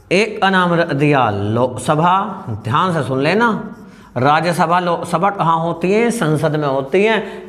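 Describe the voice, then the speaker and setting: A man teaches a class in a high, very animated voice that rises and falls widely. He keeps firing questions at his students and answering them himself, with jokes along the way. Now and then he shouts to make sure a point sticks. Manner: shouts at times to stress a point. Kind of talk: lively classroom lecture.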